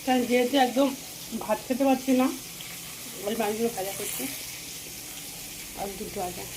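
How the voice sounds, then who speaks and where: A woman's voice: fairly high pitch, moderate pace, noisy background. A woman vlogging casually to her viewers while cooking at home, a little unwell with a cold. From Bengal. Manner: chatty, talks to viewers while cooking and walking. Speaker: family vlogger.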